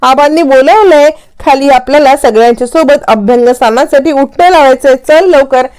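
A woman's voice: high voice, moderate pace, lightly acted. A woman retelling a TV serial voices a feisty young daughter-in-law who answers back sharply. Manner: sharp, teasing retorts.

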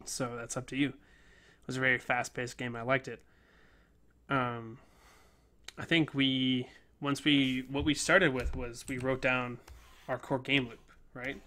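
Young guy rambling about his game project, bright tense voice, pretty flat delivery, lots of likes and ums. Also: medium pitch, a little slow, long pauses. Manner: rambling, lots of fillers and restarts. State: a bit out of breath. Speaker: game design student. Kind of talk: casual development-log talk.

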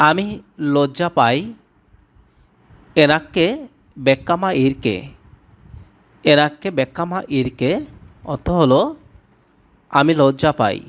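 Man slowly drilling vocabulary words. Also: a little high, fairly bright tone. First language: Bengali. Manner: slow, repetitive word-by-word drilling. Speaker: language teacher. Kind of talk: scripted language lesson narration.

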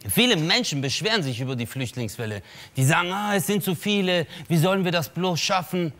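A man in his thirties delivering an ironic stand-up monologue in a satire show, talking straight to the audience. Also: mid-range voice. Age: 30s. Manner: animated, ironic, addresses the audience as "Leute". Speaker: comedian.

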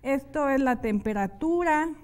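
Woman teaching sign language, high voice. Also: lively intonation, a little mellow. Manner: slow, step-by-step explanation of hand signs. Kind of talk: televised classroom lesson.

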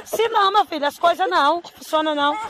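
Mom, very high voice, pleading and calling out to her kid, noisy outdoor phone audio. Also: quick pace. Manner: coaxing and pleading, often calling out loudly. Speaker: mother filming her son. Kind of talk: home video, talking to her child and viewers. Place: outdoors in the rain. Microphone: handheld phone.

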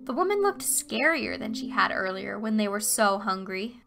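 A woman narrating a children's fairy tale expressively, slowing down for emphasis. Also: mid-range voice, very animated, creaky.

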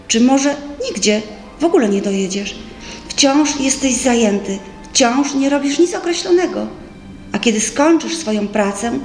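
A kindly storybook water rat, a male who enthuses dreamily about drifting in boats, played by a woman reader. His voice rolls up and down with lively sweeps. It comes through a roomy space over faint music. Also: on the high side. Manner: warm, expansive, enthusing.

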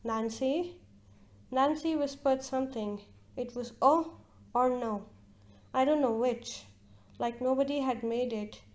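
A woman reading a literary short story aloud with slow, measured narration. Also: sits high, darkish tone. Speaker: reader.

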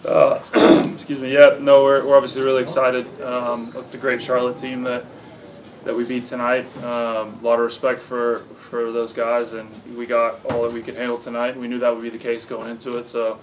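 A man in his thirties, a head coach, answering press questions in a measured way with many fillers and restarts, in an indoor press room. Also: mid-range voice, completely flat delivery, far from the mic, slight background noise, poor audio. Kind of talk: postgame press conference answers.

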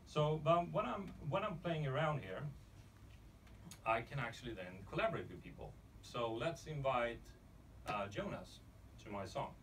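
A middle-aged man, a native Swedish speaker, casually explaining a live software demo at a tech meetup, thinking aloud as he goes. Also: medium pitch, sing-song, normal speed, a little hiss or hum. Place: dark conference room with a projection screen. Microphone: far camera in the audience. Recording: distant audience recording with loud music.

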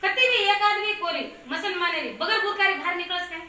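A woman's voice: very high-pitched, a little fast, pushed and bright, heavy reverb, distant mic. A woman giving an earnest, exhorting talk to her community, often asking questions of her listeners. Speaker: community speaker. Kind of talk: impassioned monologue on custom.

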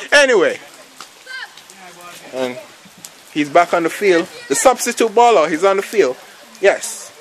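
A man giving casual, slangy play-by-play commentary on a pickup football game, rambling between plays and shouting at the big moments. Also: high-pitched, big pitch swings, a little slow, long pauses. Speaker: amateur commentator.

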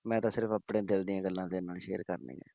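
A man's voice: sits low, steady tone, racing, gravelly, dry recording. A man on a phone call, coaxing and pleading with the woman he is calling. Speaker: caller. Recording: tinny phone line.

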